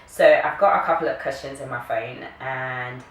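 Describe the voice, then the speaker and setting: A woman in her early 30s, from Kenya and later the UK, vlogs casually and playfully to camera. Her voice is very deep and a bit bright, at a normal speed. The room is echoey, the mic distant, with faint noise.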